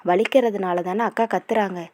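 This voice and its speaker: A woman's voice: mid-range voice, fairly even intonation, normal speed, darkish tone, close to an everyday voice. A woman voicing a cheeky young man who mocks his nervous brother-in-law, in a storybook reading. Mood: mocking. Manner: mocking, cheeky.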